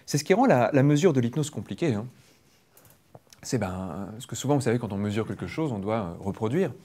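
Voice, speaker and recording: A man leading a public hypnosis demonstration, explaining quickly and playfully to a live audience. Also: mid-range voice, lively intonation, warm tone. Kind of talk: lively teaching talk to a live audience. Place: training room with an audience.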